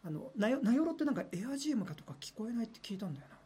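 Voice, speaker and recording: A man's voice: high voice, very animated, very fast, warm tone, breathy edge. A man working as a radio personality, chatting casually and animatedly in a studio, often laughing and imitating voices.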